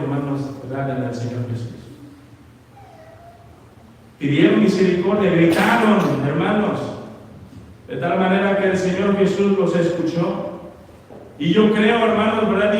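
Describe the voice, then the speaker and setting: A man preaching a sermon, often calling out to his brothers and asking for agreement, dropping soft and low, then rising into emphatic cries. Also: a little hiss or hum. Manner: addresses listeners as brothers, frequent tag questions; swings between soft low passages and raised emphatic cries. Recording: echoey church hall from far off.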